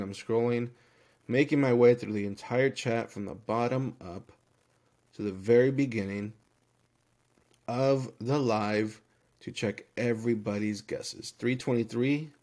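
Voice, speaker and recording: Male live-stream host running a giveaway, hyped and quick, reads off viewer guesses with snap verdicts. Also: mid-range voice, darkish tone. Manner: upbeat and hyped, rattling off numbers with quick yes-or-no verdicts.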